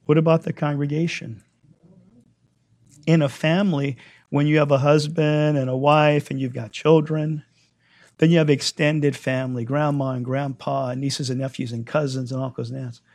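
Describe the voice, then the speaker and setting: A man leading prayer and preaching a sermon, his voice hoarse while it recovers, given to emphatic repetition. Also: fairly high pitch. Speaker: congregation leader.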